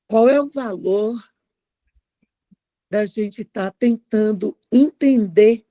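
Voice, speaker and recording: A woman with a sleepy voice, speaking in a reflective, halting way in a spiritual group discussion. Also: fairly high pitch. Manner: reflective, halting, soft-spoken.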